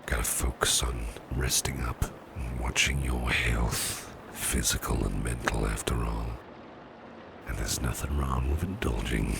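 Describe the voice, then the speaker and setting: In this ASMR personal-attention roleplay, a male actor plays a doting, reassuring businessman boss who is soothing and flirtatious, using a full character voice. His breathy, half-whispered murmur is very deep and gravelly, delivered slowly and unhurriedly in a steady tone with genteel phrasing and repeated reassurances. The mood is soothing and protective, and the recording is very noisy.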